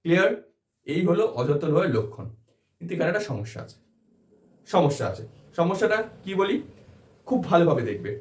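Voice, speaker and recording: A man tutoring philosophy students in an exam-prep lecture, explaining step by step with a Bengali accent and checking understanding with quick questions. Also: a little high, big pitch swings, echoey room.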